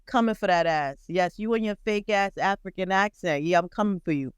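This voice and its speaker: A woman co-hosting a podcast, chatting bluntly and profanely about celebrity gossip with lively storytelling. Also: mid-range voice, a little fast, clean tone, dry recording. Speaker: podcast co-host. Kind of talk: casual pop-culture chat.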